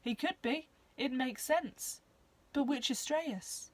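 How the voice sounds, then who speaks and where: A huge horned male alien, gentle under his bulk, talks in halting, sorrowful phrases, as a woman reads him. The voice is pitched up and pushed louder than plain narration. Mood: troubled.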